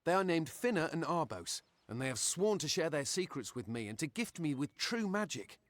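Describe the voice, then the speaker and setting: A man with a slightly high, sing-song voice, recorded with no echo, acts as a naive, boastful young man in a video game. At a moderate pace, he plays the character as earnest, impulsive, self-important and eager.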